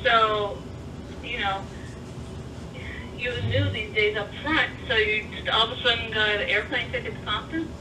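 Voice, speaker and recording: A woman's voice: fairly high pitch, fairly even intonation, moderate pace, long pauses. Blunt woman on a noisy phone line. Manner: blunt, questioning. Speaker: store employee answering the phone. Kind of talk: customer service phone call. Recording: noisy, distant telephone line on speaker.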